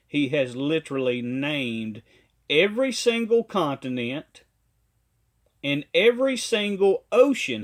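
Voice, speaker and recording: A man from a ministry giving a critical commentary monologue, talking emphatically and deliberately and repeating his points. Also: a little high.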